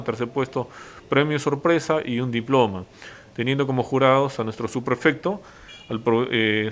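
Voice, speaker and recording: Police officer with halting speech. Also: male voice, medium pitch, a little hiss or hum. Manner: halting, many fillers and tag questions. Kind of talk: local TV interview.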